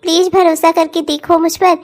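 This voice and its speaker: A scheming young cartoon bride with a very high voice. She wheedles and teases her husband with cheeky confidence. Playful animated comedy. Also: moderate pace. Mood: coaxing. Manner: wheedling, cheeky, self-assured. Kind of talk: cartoon voice acting.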